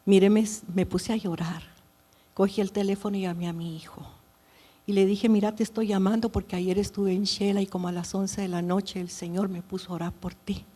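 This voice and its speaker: A middle-aged woman preacher, giving a sermon as an intimate story. She talks soft and low, trailing off into whispers, then grows slow, emphatic and louder when she exhorts. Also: little pitch movement.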